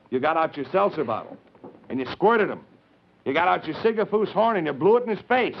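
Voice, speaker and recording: A man hosting an old children's TV show, speaking in a folksy, exclamatory way to the kids. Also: fairly high pitch. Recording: muffled, noisy old TV recording.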